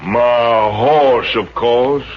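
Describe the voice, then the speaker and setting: A man's voice: medium pitch, drawn-out words. A man playing a boastful, folksy middle-aged Texas oilman with a Texan drawl in a 1950s radio comedy. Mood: flirty, folksy. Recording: muffled, noisy old radio recording.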